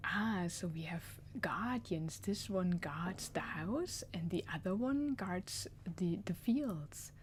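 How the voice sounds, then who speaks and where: A woman's voice: fairly low pitch, animated, slow, hardly any pauses, slight background noise. A woman giving casual let's play commentary, musing and thinking aloud as she goes.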